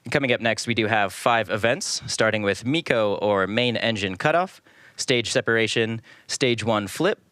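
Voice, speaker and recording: A man hosting a live launch webcast with measured, explanatory commentary. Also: lowish voice, pushed and bright, smooth, no echo, clean studio sound.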